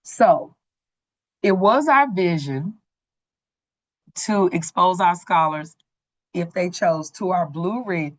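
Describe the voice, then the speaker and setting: A woman on a school staff addressing parents in an online meeting. She speaks in a plain, organized way with frequent ums and restarts, through a computer mic on a video call. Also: fairly low pitch.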